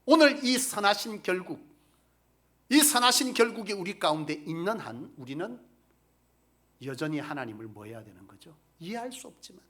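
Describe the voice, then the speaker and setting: A male pastor giving a sermon, preaching emphatically and asking the congregation questions, dropping from loud outbursts to hushed whispers. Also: high-pitched, big pitch swings, moderate pace. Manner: asks the congregation rhetorical questions.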